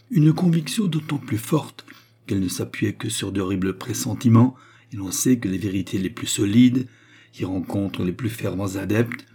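A man narrating a classic novel as an audiobook, reading in an expressive, dramatic way. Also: mid-range voice, slightly rough.

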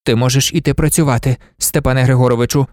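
A woman voicing a proud, self-assured young daughter who talks things through coolly and calmly. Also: a bass voice, fast, no echo, studio quality. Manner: cool, composed, reasoning calmly.

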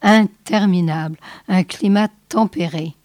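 A woman's voice: fairly low pitch, measured pace, a little mellow, no room sound, studio quality, natural voice. A woman reading as Siller, a murmuring male crewman. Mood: wondering. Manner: murmuring, cautious.

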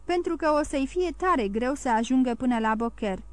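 A man's voice: extremely high pitch, expressive, dry recording. A woman voicing a nervous, greedy middle-aged male innkeeper who sounds anxious and pleading.

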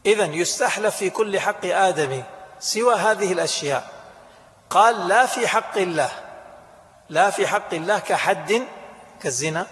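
A man's voice: high-pitched, fairly bright tone, big-room sound. A man teaching Islamic law in a classroom lesson, acting out short exchanges and quizzing his students. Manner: explains with acted dialogue and quick questions to students.

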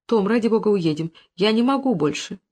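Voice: medium pitch, animated, a little fast, darkish tone, breathy edge. A reader voicing Daisy, a distressed young woman torn between two men who pleads in a tearful, pitiful voice in an audiobook. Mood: pleading.

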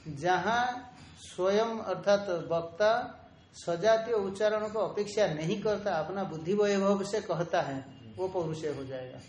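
A man teaching a traditional Vedanta lesson, explaining slowly, repeating key terms and drawing out Sanskrit quotations. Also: high-pitched, a little mellow, a little hiss or hum. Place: ashram room. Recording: echoey room, faint ambience.

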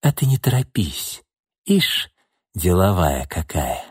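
A smug, mocking thug from an audiobook, voiced by a male reader, sneering and then dropping to low, husky threats. The voice is close and dry. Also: sing-song, slow, no room sound, full character voice. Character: menacing smug middle-aged pimp and thug.

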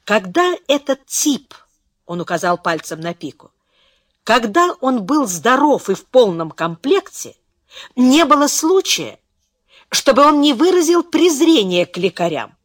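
A brusque, self-satisfied doctor who mocks his patient, read by a woman. His lines move in wide, lively swings, and the take is close and dry. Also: sits high, measured pace, dry recording, pitched above the performer's own voice, full character voice. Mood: smug. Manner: mocking, blunt. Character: smug sarcastic male doctor, brusque. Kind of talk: audiobook character reading.

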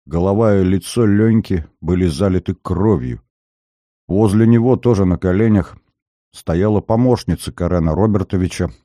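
A man reading an audiobook in scripted narration at a measured, even pace, close to a studio mic. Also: sits low, no echo.

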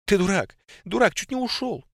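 A man's voice: sits high, quick pace, fairly bright tone, no room sound, clean studio sound, voice pushed up. A man voicing a frightened young woman who cries out and pleads through tears. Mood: tearful. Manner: pleading, crying out in distress.

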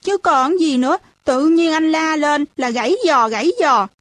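A woman's voice: normal speed, dry recording, natural voice. Woman voicing a sweet whiny little girl. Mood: protesting. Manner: high whiny childish pleading. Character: timid sweet little girl, naive and pleading.

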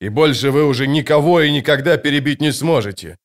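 A man's voice: fairly high pitch, fast, natural voice. A cold, imperious emperor gives orders with dry sarcasm, as a male reader voices him. His voice stays level and in control. It sounds like a storybook reading. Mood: commanding. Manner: commanding, sardonic.

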